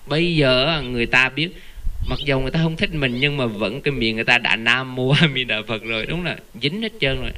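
Bright-voiced man preaching. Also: medium pitch, slight background noise. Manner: animated, earnest storyteller who keeps repeating the Buddha's name. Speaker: Buddhist lay teacher. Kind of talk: informal dharma talk.

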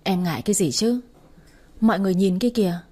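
A woman's voice: medium pitch, quick pace, warm tone, breathy edge, lightly acted. A woman voicing a cocky young male gang boss who teases and bosses around the woman he is courting. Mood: teasing. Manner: teasing, bossy tenderness.

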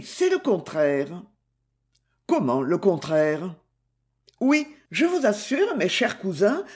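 A reader voicing an anxious, prim older society mother in an audiobook, in a high and fluttery tone. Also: a little mellow. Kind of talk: audiobook character reading.

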